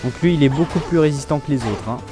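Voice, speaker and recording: A young man hosting a let's play, talking casually about his gameplay in a relaxed, chatty way and often restarting his sentences. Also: a little high, fast, music in the background.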